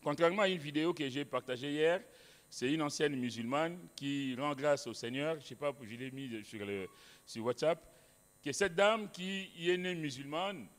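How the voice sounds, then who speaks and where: Male pastor preaching, high voice, keeps repeating himself, church hall echo. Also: animated, moderate pace, fairly bright tone. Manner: emphatic, repeats phrases, many restarts. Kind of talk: sermon. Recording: long hall reverb.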